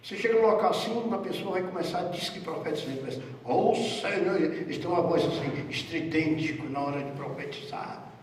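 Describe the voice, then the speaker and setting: A high-voiced Brazilian man preaches in a relaxed, joking way. His voice carries through a big, echoing church hall, picked up from a distance by a mic far from him. The reverb rings long after each phrase. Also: fast, a little hiss or hum. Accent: Brazilian Portuguese. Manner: conversational, jokes with the congregation. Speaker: pastor. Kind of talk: sermon.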